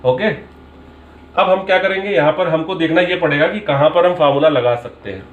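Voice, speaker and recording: A man's voice: on the high side, a little fast, narrow, tinny audio. A man, a maths teacher, patiently explaining a question paper step by step and mixing in English terms. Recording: echoey room sound.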